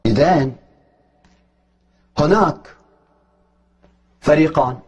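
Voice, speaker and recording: A man with an Iraqi Arabic accent giving a polemical religious lecture, talking emphatically and challenging his listeners, his voice climbing high when he argues. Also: takes it slowly, a little mellow, slightly rough, dull audio. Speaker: religious speaker.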